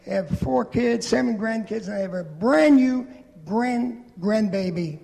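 A man's voice: sits high, animated, a little slow, gravelly, darkish tone, a little hiss or hum. A man in his eighties from Poland giving a public speech in a large event hall, telling his story plainly with dry humor. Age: 80s. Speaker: Holocaust survivor and veteran speaker.

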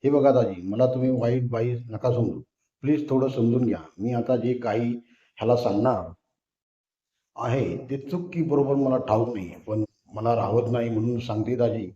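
A man voicing a flustered young married woman who speaks in a pleading, hurried way. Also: medium pitch, mellow, lightly acted. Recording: roomy, dull lo-fi recording.

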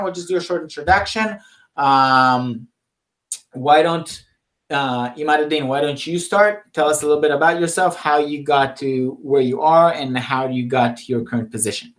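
A young man moderating a roundtable discussion on a video call, explaining the rules clearly through a headset. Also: fairly high pitch, moderate pace. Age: young adult.

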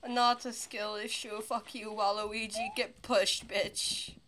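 A woman streaming a game, talking casually and excitably to friends. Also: medium pitch, slow, a little hiss or hum, poor audio. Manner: excitable, swings to loud yelling. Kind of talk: casual gameplay chat.

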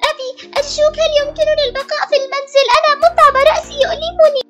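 A woman voicing a lonely schoolgirl doll who feels unloved, in a high, pleading voice. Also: little pitch movement, rapid-fire, music in the background. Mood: sad. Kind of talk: toy doll drama voicing.

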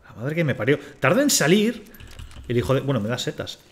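Animated man swearing at a game. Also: medium pitch, a little fast. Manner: swears a lot, talks to himself and the game. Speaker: streamer playing a game. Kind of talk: casual live gameplay commentary.

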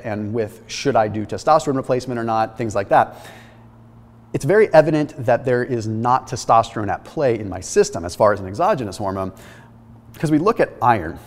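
On a kitchen studio set where reverb lingers after each word, a health and fitness channel host in his thirties addresses the camera directly. His pitch is ordinary and mid-range as he energetically and emphatically explains his lab results, gesturing while holding papers.

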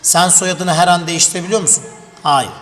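A man's voice: sits high, a little fast, fairly bright tone. A male teacher giving an exam review lesson, talking to children and asking and answering his own questions. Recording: echoey room with long reverb, faint noise.

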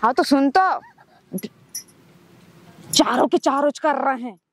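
A woman's voice: high-pitched, takes it slowly, very noisy. A woman in a comedy sketch, chatting on the phone and bickering and scolding.

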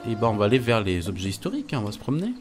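A man's voice: on the low side, wildly swooping pitch, very fast, over music. A man giving casual let's-play commentary, chatty and stumbling, reading game text aloud and swearing lightly. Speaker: gaming YouTuber.

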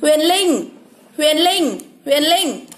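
A woman's voice: high voice, very animated, extremely slow, slight background noise. A woman, hosting a casual livestream from home, chatty, calling names over and over with frequent exclamations. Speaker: livestream host drawing giveaway winners.

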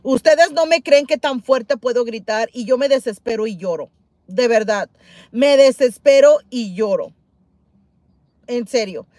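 A woman's voice: unhurried, dry recording. A middle-aged woman chatting casually on a livestream, reading viewer comments aloud and exclaiming with many repeated words. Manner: animated, exclaims and repeats herself, swings high and loud. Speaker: couponing livestream host.

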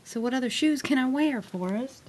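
A woman's voice: high-pitched, lively intonation, moderate pace, a little mellow. A woman in her thirties, a mother getting dressed in her bedroom closet, complaining and swearing while her child films her on a handheld camera. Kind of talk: casual home video chat. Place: small bedroom closet at home, indoors. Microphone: handheld camera filmed by her child.

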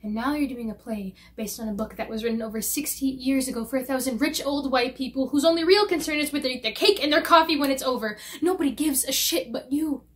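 A woman's voice: high-pitched, fast, few pauses, natural voice. A young woman performing a dramatic monologue as an angry, scornful daughter confronting her father. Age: young adult. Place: indoor studio against plain backdrop.

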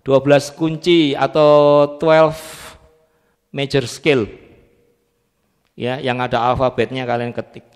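A man's voice: mid-range voice, little pitch movement, takes it slowly, long pauses, clean tone. A man teaching a music class, quizzing students on letter names and solfege. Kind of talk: live music training class. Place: church training room. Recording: long reverb in a hall.

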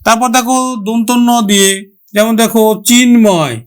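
A teacher giving a pronunciation lesson, who stretches out each example word carefully and says it more than once. The teacher asks the listener questions and then answers them. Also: mid-range voice. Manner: drawn-out, careful sounding of example words.

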